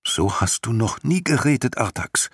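A man's voice: medium pitch, sing-song, unhurried, husky, no room sound, clean studio sound, pitched above the performer's own voice. A man reading a storybook and voicing a brave young boy hero in a raised, urgent, pleading voice. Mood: puzzled.

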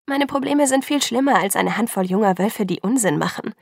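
A woman voicing an anxious, emotional teenage girl in an audiobook, her lines pitched higher and pressing. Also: lively intonation, a little fast, vocal fry, dry recording, clean studio sound. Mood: defensive. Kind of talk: audiobook reading.

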